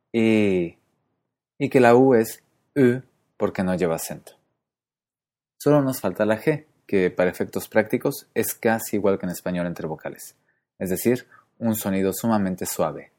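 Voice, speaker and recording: A man hosting a podcast, explaining pronunciation methodically, spelling out letters and repeating sounds slowly. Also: on the low side, a little mellow. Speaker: podcast host.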